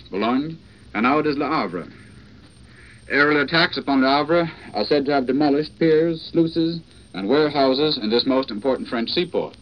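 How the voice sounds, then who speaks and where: A foreign correspondent, out of breath, giving a formal live news report over an old 1940s radio broadcast. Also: male voice, mid-range voice, a bit bright. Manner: formal, measured delivery with restarts. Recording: dull lo-fi vintage radio with faint hiss.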